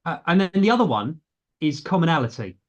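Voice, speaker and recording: A British man hosting a casual conversation, asking measured, thoughtful questions. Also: fairly high pitch, very animated, highs cut off. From Britain.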